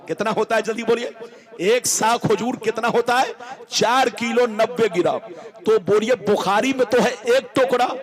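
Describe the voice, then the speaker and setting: A man with a Bihari Hindi accent preaching a sermon to a gathering over a sound system, calling on the crowd to answer aloud and chanting some lines in a drawn-out melodic way. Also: very high voice.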